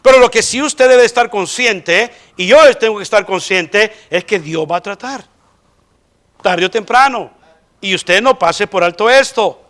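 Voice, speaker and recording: A male pastor preaching a sermon in a church, emphatic and rising sharply in pitch when he quotes voices. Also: measured pace, fairly bright tone. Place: church sanctuary.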